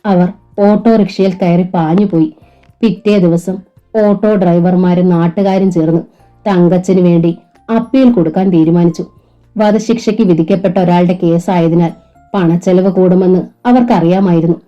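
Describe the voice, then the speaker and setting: A woman reads a novel aloud with steady, emotive storytelling. Her voice is mellow and dark, the recording sounds dull and muffled, and soft music runs quietly underneath. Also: fairly low pitch. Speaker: narrator. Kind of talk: novel reading.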